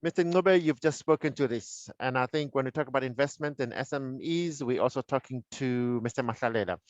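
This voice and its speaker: A man's voice: mid-range voice, a little fast, dry recording, muffled recording. A man hosting a webinar panel who politely keeps track of time and invites the panelists to respond. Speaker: host.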